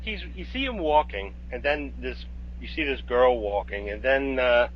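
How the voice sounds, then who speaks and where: A man's voice: mid-range voice, expressive, normal speed, slight background noise. A man co-hosting a podcast, retelling a film's plot step by step in a hesitant, casual way. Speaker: podcast co-host. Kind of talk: casual film discussion. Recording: dull lo-fi podcast audio.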